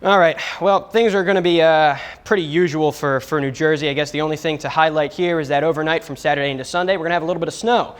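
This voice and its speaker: A man's voice: on the high side, fairly even intonation, quick pace, few pauses, clean tone. Goofy young man doing comic weather. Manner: goofy, self-mocking, mock-serious. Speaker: fill-in weather presenter.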